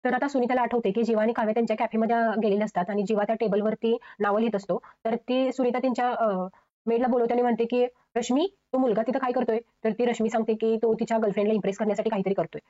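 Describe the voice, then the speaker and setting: A woman races through a casual recap of a TV serial episode and strings each step together quickly. Her voice sits a little high. The recording is slightly dull and lo-fi. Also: steady tone, warm tone. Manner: rapid storytelling, linking each step with "so now".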